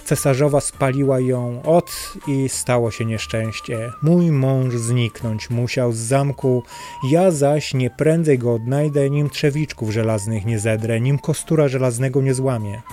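A man's voice: mid-range voice, unhurried, dark tone, soft background music, natural voice. A man voicing a faithful young wife searching for her husband, earnest and pleading.

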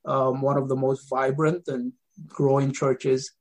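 A middle-aged man from Guyana, a pastor, telling his life story as a podcast guest, with many pauses and ums. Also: mid-range voice, level tone. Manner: hesitant, many ums, repeats words.

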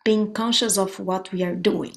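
Answering interview questions as a guest, a Brazilian woman musician speaks with a Brazilian Portuguese accent, pausing to find words and frequently starting over. Her voice is medium-pitched, steady and a bit bright, with vocal fry at a normal speed.

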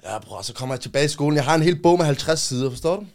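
A young man from Amager, Denmark, telling a personal story in a casual chat, animated and often checking that the listener follows. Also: fairly high pitch, vocal fry. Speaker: guest, rapper.

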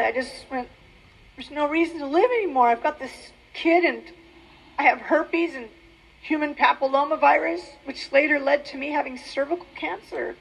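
A woman with a high-pitched voice gives a personal testimony. She speaks earnestly and emotionally, often halting and restarting her sentences. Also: creaky, a bit bright, low-quality recording. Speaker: former adult-film performer giving a testimony.

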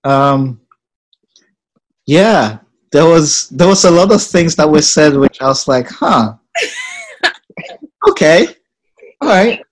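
A young man, Ghanaian by birth and raised in England, chats casually as a podcast guest, relaxed and quick to laugh, with lots of ums. His voice sits on the high side and he talks slowly with long pauses. The recording quality is low.

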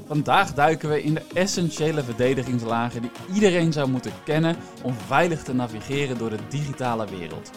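A man's voice: mid-range voice, lively intonation, brisk, hardly any pauses, music in the background. A man hosts a podcast, explaining things in a semi-scripted way and addressing the listener directly. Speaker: podcast host.

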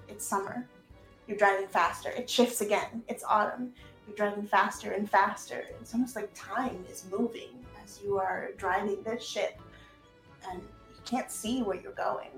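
A woman hosting and narrating an improvised tabletop game in a casual, encouraging way. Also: medium pitch. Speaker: game master and host. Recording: echoey room, music behind.

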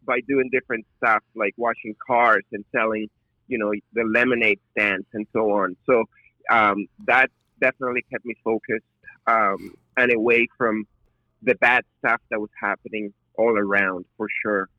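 A man's voice: on the low side, fairly even intonation, moderate pace, no room sound. A man, chatting in a friendly way as a podcast guest. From Colombia. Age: 40s. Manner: friendly, leans on stock phrases like "of course". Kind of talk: casual interview talk. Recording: dull lo-fi sound.

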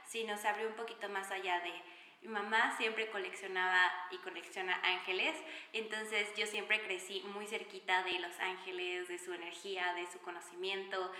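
A young Mexican woman with a bright, clear voice talks through her personal story on her podcast, chatty and enthusiastic with plenty of fillers. Her voice rings in an echoey room with a long reverb tail. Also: medium pitch. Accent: Mexican Spanish. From Mexico City. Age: young adult. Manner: chatty, warm-hearted and enthusiastic, many fillers. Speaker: podcast host.

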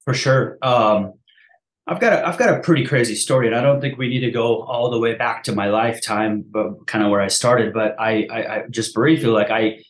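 A man in his thirties from Afghanistan, a podcast host telling his story in a casual interview, talking fast with lots of restarts and "man". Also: medium pitch. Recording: echoey room.

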